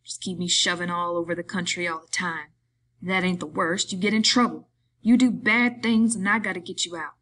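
Woman playing a gruff, hot-tempered ranch hand. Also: on the low side, fairly even intonation, moderate pace. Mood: furious. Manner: drawling rough rural speech, loud outbursts. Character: gruff exasperated grown man, quick-tempered ranch hand.

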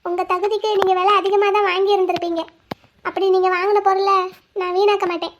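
A woman's voice: very high-pitched, flat delivery, fast talker, a little hiss or hum. A woman voicing a poor, proud young woman in a cartoon drama, sad and resolute. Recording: dull lo-fi audio.

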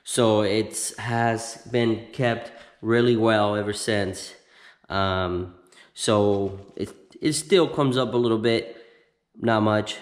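A man in his thirties hosting a casual how-to video in a home garage, explaining each step slowly with plenty of ums and restarts. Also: on the low side. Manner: slow, halting step-by-step explaining with many fillers. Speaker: host of a how-to channel. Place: home garage with door open.

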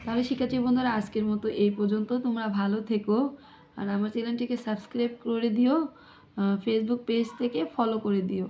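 A woman teacher with a Bangladeshi Bengali accent, slowly reciting letter sounds for young children with steady recitation and hesitant fillers. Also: fairly high pitch, dull audio, a little hiss or hum. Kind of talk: slow letter-by-letter lesson for children.

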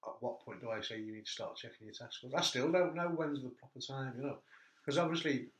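A middle-aged man hosting a casual interview chat, telling stories with animated bursts. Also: medium pitch, brisk. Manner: animated storyteller, voice jumps up when telling funny bits. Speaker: host. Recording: echoey room.

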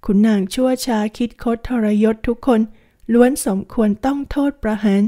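A woman narrating a translated historical romance novel in a calm, measured reading voice. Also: a little high. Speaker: audiobook narrator.

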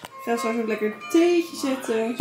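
A young woman with a Dutch accent, chatting casually to a handheld camera at arm's length in her apartment, thinking aloud in a relaxed way. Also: a little high, normal speed, over music. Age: young adult. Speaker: vlogger. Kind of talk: casual vlog chat. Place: apartment living room, indoors.

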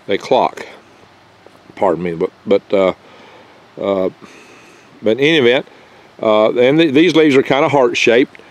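Speaking a little slowly with long pauses, the older man has a mid-range voice. He hosts a foraging vlog outdoors in his garden among the pines, rambling in a folksy, chatty way with small jokes and stumbles, picked up by a handheld camera mic held close.

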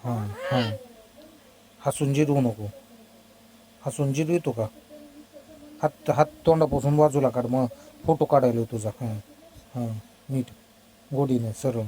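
Man, uncle to a baby, unhurried baby talk, gently scolding and repeating himself, with soft household noise behind. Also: medium pitch, low-quality recording. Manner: coaxing, mock-scolding, repetitive.

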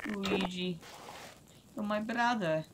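A man's voice: sits high, slow. A man voicing an apologetic video game hero in an amateur skit, whiny and melodramatic. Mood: pleading, sorry. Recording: noisy home recording with clicks.

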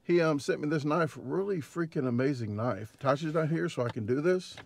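A man's voice: a little high, a little fast, vocal fry, darkish tone, a little hiss or hum. A man in his forties with a Midwestern American accent, chatting casually to a dash-mounted camera in his parked car, rambling with lots of fillers and restarts. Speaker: vlogger and competitive eater. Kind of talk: casual vlog talk to camera. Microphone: camera mounted on dashboard.

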